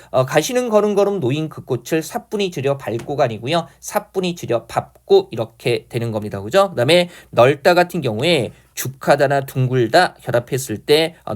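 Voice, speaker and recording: A man giving an online exam-prep lecture on Korean grammar. He explains step by step and asks his students questions he then answers himself. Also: medium pitch.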